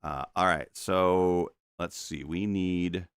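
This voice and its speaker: A man's voice: low-pitched, fairly even intonation, takes it slowly, clear, resonant tone, no room sound. A middle-aged man chatting casually while painting on a live stream, rambling and restarting his sentences, at a desk microphone in a home studio. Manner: rambling and self-interrupting, with frequent stammered restarts and chuckles.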